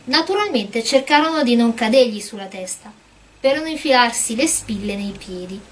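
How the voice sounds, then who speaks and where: A woman reading a storybook aloud in a calm, steady narrating manner. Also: a little high, moderate pace, a little hiss or hum. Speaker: reader.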